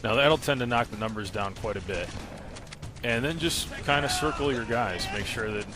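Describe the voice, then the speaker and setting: A man with a medium-pitched voice walks through a video game at normal speed, offering relaxed, step-by-step instructions. Game gunfire and music play behind him.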